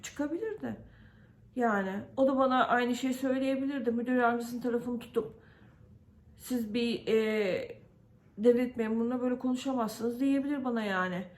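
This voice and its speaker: A woman from Turkey tells her story to the camera in a casual vlog, her voice sitting a little high. She vents her frustration, stopping often on fillers and acting out what others said to her. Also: animated, a little fast. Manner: venting frustration, many fillers, quotes others. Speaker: vlogger.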